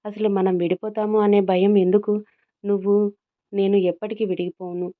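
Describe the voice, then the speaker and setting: A woman voicing a gentle young woman who comforts and reassures her best friend. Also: medium pitch, flat delivery, moderate pace, close to an everyday voice. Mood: soothing. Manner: soothing and coaxing. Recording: tinny phone-like audio.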